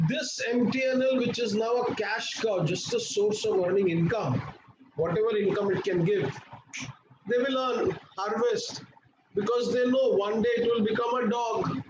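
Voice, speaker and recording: A man with an Indian accent giving an online class lecture, repeating points in a didactic way and prompting students with questions. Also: very high voice. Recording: echoey room, muffled and noisy.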